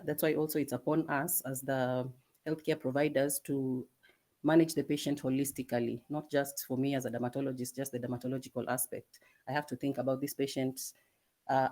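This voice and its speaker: Woman, medical specialist on a video-call panel; mellow, hesitant, measured delivery. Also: rumbling low. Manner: measured, many hesitant ums, soft-spoken. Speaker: dermatologist guest. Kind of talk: answering questions in a webinar panel.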